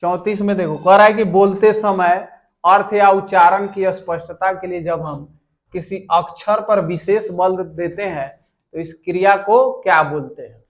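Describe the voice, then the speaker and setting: A man's voice: high-pitched, fairly even intonation, moderate pace. A young man, a teacher working through exam questions and repeating each question aloud.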